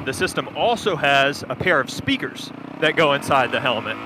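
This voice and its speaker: Over intercom audio filled with wind and engine noise, a man on a motorcycle chats casually and matter-of-factly, explaining gear features in detail. He's a video producer doing a gear review, with an expressive mid-range voice at normal speed.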